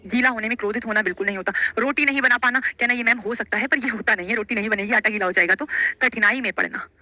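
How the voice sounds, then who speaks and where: In a live online exam class on Hindi grammar, a woman with a high, sharp voice works through questions one by one, repeating phrases, prompting students with check-ins and calling them affectionate casual names. The recording is dry.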